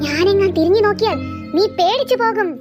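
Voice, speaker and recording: Cartoon ghost, female, bloodthirsty and slow-spoken, voiced by a woman; high but dropped lower for menace. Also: lo-fi sound, over loud music. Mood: menacing. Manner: slow, threatening drawl. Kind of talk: cartoon voice acting.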